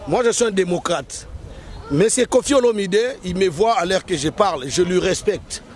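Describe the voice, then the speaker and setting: A man's voice: high-pitched, lively intonation, normal speed. A man with a Congolese French accent, talking politics in a heated, emphatic way and repeating his points. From Democratic Republic of the Congo. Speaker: guest.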